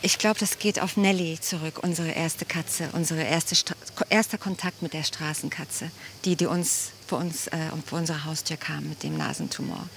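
Woman, earnest interview answers, low voice, lively pitch, outdoors, faint noise. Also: normal speed, few pauses. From Germany, Frankfurt. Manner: earnest, searches for words. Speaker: volunteer caring for stray cats.

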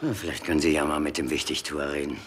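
A man playing a gruff, impatient official with a brusque, exasperated manner. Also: very deep voice, flat delivery, fast, fairly bright tone, a little hiss or hum.

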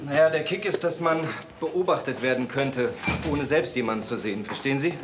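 An actor playing a smooth-talking male escort in a crime drama, calm and easy in manner. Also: medium pitch, brisk, music in the background, close to an everyday voice. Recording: noisy TV soundtrack.

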